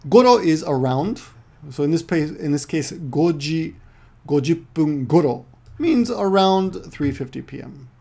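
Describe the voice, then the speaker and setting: Here the teacher sounds mellow and unhurried, a bit high, animated, with some vocal fry. He's a middle-aged man from Peru living in Japan, giving a rambling, casual online Japanese lesson peppered with self-corrections and humorous asides.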